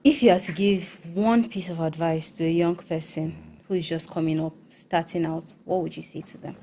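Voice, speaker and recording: A woman's voice: deep voice, steady tone, moderate pace, mellow, a little hiss or hum. A woman co-hosting an interview who puts her question to the guest eagerly and directly. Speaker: co-host.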